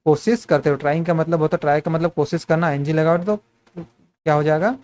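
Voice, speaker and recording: A man's voice: fairly high pitch, steady tone, fast, a little mellow. A man teaching spoken English in Hindi, asking the same questions again and again and calling his viewers friends.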